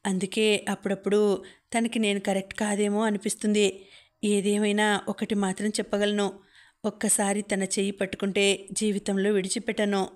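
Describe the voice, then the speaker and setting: A teasing young man, frank and confiding when he speaks about love, from an audiobook novel, read by a woman. The delivery stays level, with a narrow pitch range. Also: monotone, moderate pace, lightly acted.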